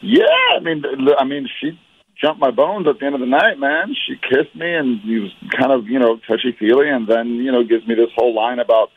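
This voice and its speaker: A man's voice: mid-range voice, big pitch swings, a little fast, slight background noise. A man talking casually over speakerphone on a phone line, rambling with lots of fillers and calling people "man.". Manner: rambling, filler-heavy, says "man" a lot. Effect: heard over speakerphone on a phone line. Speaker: dating show call recipient.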